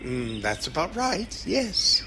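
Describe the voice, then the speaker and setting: An actor in an audio drama playing an eccentric, kindly, cheerful old time-travelling doctor who dithers through ums and broken phrases. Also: male voice, fairly high pitch, huge pitch swings, slow pace, background noise, exaggerated voice. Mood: awkward, reassuring.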